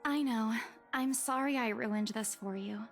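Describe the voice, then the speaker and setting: A woman's voice: on the high side, measured pace, gravelly, soft background music. An actress playing a flustered young woman in a visual novel, apologetic yet stubborn, with a hesitant, emotive delivery. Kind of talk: dramatic game voice acting.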